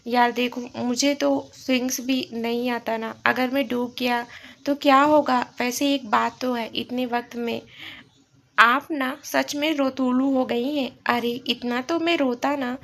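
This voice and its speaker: A woman reading the lines of a gentle, teasing young husband in a soft, coaxing way. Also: on the high side, steady tone, measured pace, gravelly. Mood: playful coaxing.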